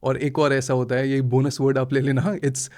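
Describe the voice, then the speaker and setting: Animated man explaining pronunciation. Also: medium pitch, moderate pace. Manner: animated mix of Hindi and English, laughs often. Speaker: IELTS trainer guest. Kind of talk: podcast interview.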